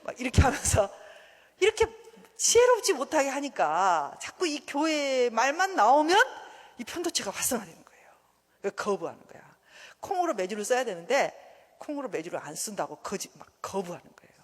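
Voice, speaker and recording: An expressive woman lecturer with a husky, slightly breathy voice, her pitch leaping up and down as she teaches. She acts out little exchanges of dialogue for her listeners. A long reverb trails behind her, as in a big hall. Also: fairly quick. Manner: animated, acts out quoted dialogue. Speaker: seminar lecturer. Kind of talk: church seminar lecture.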